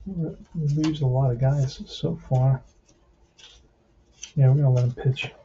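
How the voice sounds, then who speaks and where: Indoors at a tabletop, a man gives casual play-by-play of a tabletop baseball game, thinking aloud as he plays. His mid-range voice is steady and unhurried, and the muffled lo-fi recording has faint noise with clicks.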